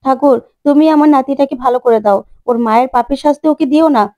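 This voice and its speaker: A woman's voice: high voice, quick pace, dark tone, lo-fi sound, close to an everyday voice. A woman voicing a blunt, grieving elderly grandmother in a retold TV serial. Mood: praying.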